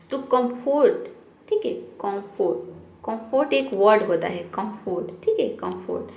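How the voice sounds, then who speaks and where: A woman's voice: fairly high pitch, darkish tone. Woman, English teacher, patient, asks and answers her own questions, roomy echo. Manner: keeps saying "theek hai" to check understanding. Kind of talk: explaining spelling rules.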